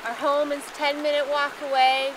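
A woman's voice: sits high, flat delivery, normal speed, background noise. A woman in her thirties hosting a casual travel vlog, talking enthusiastically outdoors by a river hot spring. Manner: enthusiastic, gushing. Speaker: vlog host.

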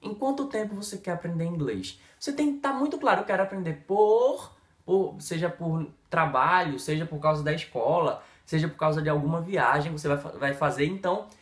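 A Brazilian English teacher in his thirties delivers an energetic, emphatic lesson directly to the camera, which frames his head and shoulders from the front. He speaks with a Brazilian Portuguese accent, fairly high-pitched and fairly quick, gesturing a lot in an echoey room.

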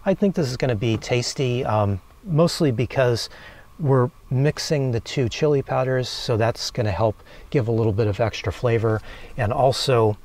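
A man in his forties calmly talking through a recipe while cooking in a small camper van kitchen, with many relaxed "uh"s. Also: medium pitch. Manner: calm, unhurried, many filler "uh"s. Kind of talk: casual cooking demonstration.

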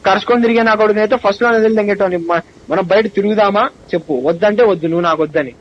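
A young man in a heated phone argument, angry and accusing, with an abusive, rapid-fire way of talking. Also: sits high. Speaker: college student on a phone call. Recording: phone call recording, dull with faint hiss.

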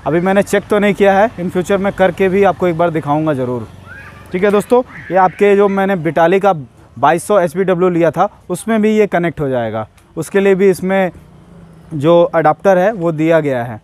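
A young man's high-pitched, darkish voice moves at a normal speed as he reviews and demos a pressure washer gun in a relaxed way. He's outside in a yard washing a car, talking to viewers like friends, with the camera a few steps from him.

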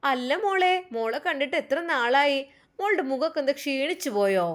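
A woman's voice: high voice, lively intonation, fairly quick. A woman voicing a curious, chatty middle-aged house helper in a storybook tale.

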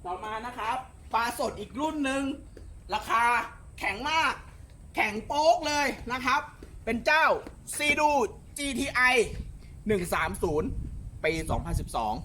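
A man showing jet skis for sale in a chatty, polite way, often pausing with fillers and correcting himself. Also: very high-pitched, sing-song, pushed and bright, a little hiss or hum. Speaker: jet ski shop salesman. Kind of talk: casual sales walkthrough.

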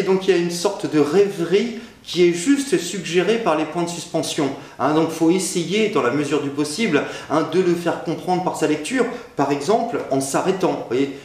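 A man teaching a literature lesson, explaining at length and filling pauses with frequent hesitations. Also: fairly high pitch, a little mellow. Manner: frequent "hein" and "euh" fillers; explanatory, didactic. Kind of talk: recorded lecture. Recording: echoey room.

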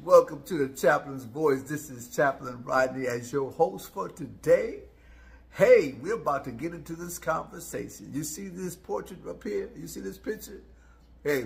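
A man in his sixties speaking as a chaplain in a personal, reflective devotional talk, halting and heartfelt, with repeated words and long pauses. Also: a little high, expressive, gravelly. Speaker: chaplain, host. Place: indoor room, home studio.

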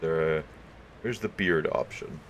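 A man's voice: very deep voice, a little slow, fairly bright tone, a little hiss or hum. A man casually commenting on his gameplay, thinking aloud as he picks options and chuckling now and then. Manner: thinking aloud, musing over choices with chuckles. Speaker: gaming video host.

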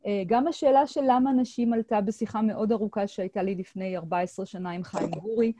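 A woman's voice: medium pitch, dark tone, no echo. A middle-aged woman historian giving an academic lecture at an online seminar, speaking hesitantly with many filler sounds and restarts. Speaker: Holocaust historian presenting her research. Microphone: computer mic on a video call.

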